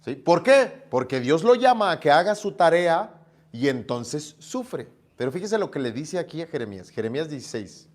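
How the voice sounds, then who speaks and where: Pastor preaching, higher voice that swings all over, acts out the people in his stories. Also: normal speed. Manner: storytelling, acts out dialogue with lively shifts. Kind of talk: sermon.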